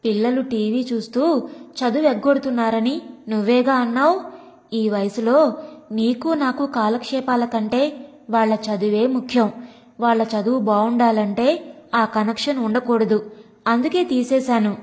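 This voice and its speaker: A woman's voice: on the high side, measured pace, long pauses, darkish tone, close to an everyday voice. Coaxing middle-aged husband read by a woman. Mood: reasoning. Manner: coaxing, reasoning tone. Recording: long room reverb.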